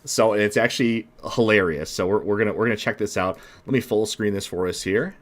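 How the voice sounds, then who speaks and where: A man's voice: fairly low pitch, fast, crowd noise. A man hosting a casual reaction chat, rambling and laughing often. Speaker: host.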